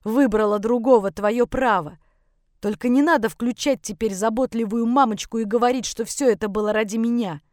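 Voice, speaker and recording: A woman's voice: fairly high pitch, normal speed, darkish tone, no echo, studio quality, close to an everyday voice. A woman voicing a bitter, contemptuous teenage boy in an audiobook. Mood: scornful. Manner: sneering, contemptuous. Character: bitter scornful teenage boy, angry and rude.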